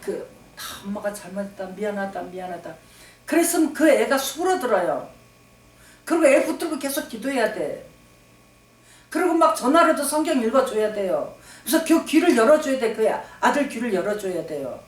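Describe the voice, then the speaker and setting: In an echoey church sanctuary, captured by a distant mic, a woman pastor preaches in a high, sing-song voice at a normal speed. Her sermon is emphatic, with repeated phrases for stress and calls for amens.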